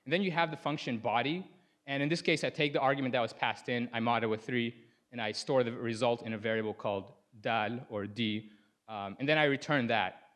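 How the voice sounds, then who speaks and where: A Sudanese man whose first language is Arabic gives a casual tech talk on a conference stage, peppering it with lots of "like" and "you know." His mid-range voice is brisk with a fairly bright tone.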